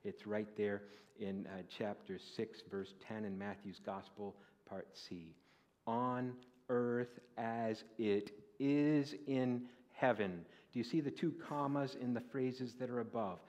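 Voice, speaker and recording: Man preaching a sermon, surging loud. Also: slow. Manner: rises to loud, high declaiming when quoting scripture; asks the congregation questions. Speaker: guest preacher. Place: church. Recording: dull lo-fi recording.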